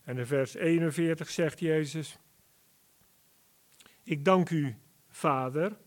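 A man preaching a sermon, explaining Bible verses deliberately and rising to emphatic calls at key words. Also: on the high side. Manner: slow, deliberate Bible exposition with emphatic rises.

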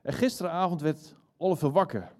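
Young woman, earnest, eager, high loud voice, man doing it. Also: a little fast, lightly acted. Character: young woman, dying man's granddaughter, earnest.

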